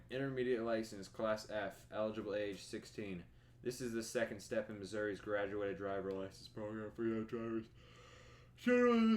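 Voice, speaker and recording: A young man streaming from his bedroom, reading a driver's manual aloud in a plodding monotone with tired asides. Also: on the low side, a little hiss or hum. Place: bedroom at home.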